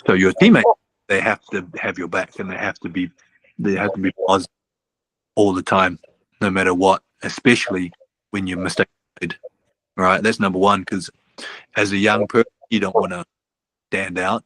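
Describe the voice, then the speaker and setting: In a low voice with little pitch movement and a fairly bright tone, a middle-aged New Zealand basketball coach talks casually in an interview at normal speed, leaving long pauses. He rambles, restarts often and ends with "right?"; the recording is dry and rough.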